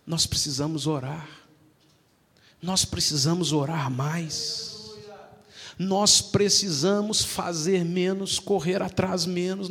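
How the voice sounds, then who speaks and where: Man preaching a sermon, emphatic repetition, high husky voice, echoing hall.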